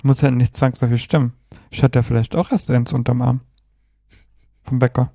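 A man's voice: mid-range voice, level tone, brisk, vocal fry, dark tone, no room sound, clean studio sound. A man co-hosting a podcast in casual chat, hesitant and thinking aloud. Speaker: podcast co-host.

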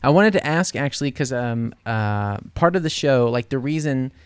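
A man's voice: mid-range voice, moderate pace, clean tone, dry recording. A man from New Orleans hosting a casual interview, telling stories with acted-out voices and frequent laughter. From New Orleans, USA. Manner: animated storyteller, acts out quoted voices, laughs often. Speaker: podcast host.

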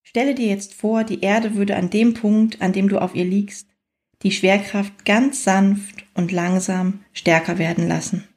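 Soothing woman guiding a slow relaxation. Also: mid-range voice, steady tone, darkish tone. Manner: soothing, unhurried, with long pauses between phrases. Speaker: guided meditation narrator. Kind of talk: guided fantasy journey, scripted relaxation narration.

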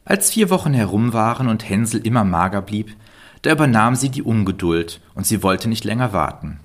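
Low-voiced guy reading a fairy tale, calm and steady. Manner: calm, measured storytelling. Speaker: storyteller.

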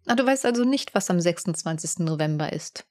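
A woman's voice: fairly low pitch, animated, fast talker, a little mellow. A woman co-hosting a podcast in casual chat, teasing and playful, laughing often. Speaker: podcast co-host.

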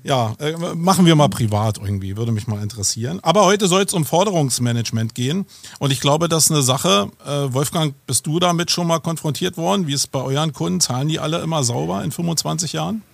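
Man, podcast host, gravelly, fairly high voice, playful banter. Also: fast, no room sound. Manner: joking, playful, with frequent fillers. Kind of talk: casual podcast chat.

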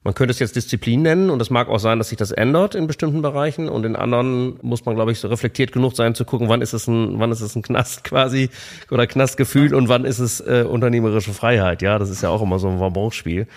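A man at a middle pitch hosts a podcast conversation. He thinks aloud in a reflective way, pausing on fillers and tagging his points with a questioning "ne?". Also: a little mellow. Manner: reflective, hesitant with fillers and tag "ne?". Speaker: podcast host. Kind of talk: podcast interview.

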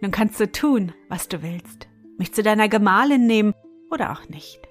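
A woman's voice: medium pitch, expressive, moderate pace, soft background music, natural voice. Woman reading a gracious fairy-tale princess. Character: enchanted young princess, gracious.

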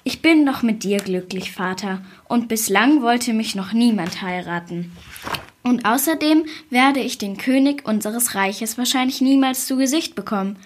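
A woman voicing a poor, gentle young weaver's daughter in a storybook reading, with a soft, sighing delivery. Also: on the high side, animated, normal speed.

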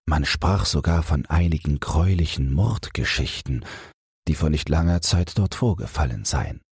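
A man calmly narrating a fairy tale as a bedtime audiobook, in a measured reading voice. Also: extremely low pitch, slightly rough, no room sound, studio quality. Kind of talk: scripted bedtime story narration.

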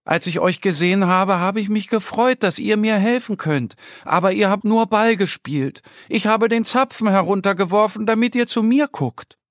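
A man voicing a small, timid young squirrel who speaks softly and apologetically in a children's storybook tale. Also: high-pitched, moderate pace, hardly any pauses, dry recording, studio quality, voice pushed up. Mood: pleading. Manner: soft, apologetic pleading.

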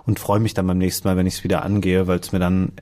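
A man's voice: low voice, level tone, fast, a little mellow. A man chatting casually as a panellist in a discussion about video games. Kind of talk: casual chat.

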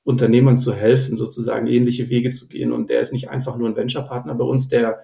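A man's voice: medium pitch, level tone, quick pace, gravelly, dark tone, reverberant. A man speaking as an investor guest on a podcast, thinking aloud with many fillers and restarts. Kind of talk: podcast interview.

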